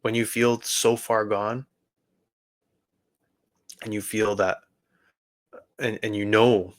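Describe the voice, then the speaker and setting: A man hosting a podcast, telling his personal faith testimony in an earnest, halting way with many restarts. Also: lowish voice, level tone. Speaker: podcast host.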